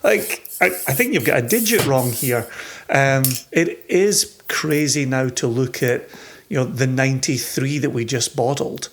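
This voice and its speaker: A man hosts a relaxed interview podcast and talks in a friendly, rambling way. His voice sits at an ordinary mid pitch, and he stumbles over his words before getting them out. A faint hiss runs underneath. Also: a little slow. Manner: chatty, laughs easily, many restarts. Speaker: podcast host. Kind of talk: casual interview chat.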